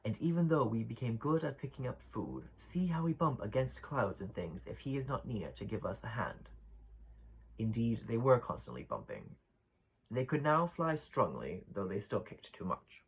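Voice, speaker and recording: A man reading a classic children's story aloud, voicing the children's lines with brighter lifts. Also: medium pitch, moderate pace, gravelly, a little hiss or hum, rough recording. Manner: expressive reading, voices the children's dialogue with lifts. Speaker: ballet dancer reading a children's book aloud.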